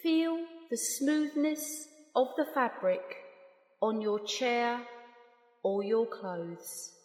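Female meditation guide, slightly high voice, calm and unhurried, roomy echo. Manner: calm, soft, unhurried with long pauses. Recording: roomy long reverb.

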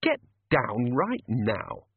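A man voicing a brisk, no-nonsense young woman with a crisp, dry manner. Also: medium pitch, huge pitch swings, slight background noise, exaggerated voice. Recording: tinny phone-like audio.

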